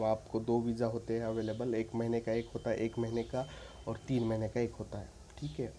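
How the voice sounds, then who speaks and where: Man vlogger, warm mellow voice, chatty and insistent, faint hiss behind. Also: medium pitch. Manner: informal, repeats "ठीक है" as a tag, frequent restarts; earnest and insistent, addresses viewers as friends. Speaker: vlogger giving visa advice. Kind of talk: casual advice talk to camera.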